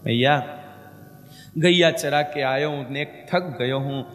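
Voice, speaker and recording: A man's voice: medium pitch, takes it slowly, close to an everyday voice. A man doing the sweet coaxing boy Krishna. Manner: pleading, affectionate, rustic dialect. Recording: echoey hall with faint music.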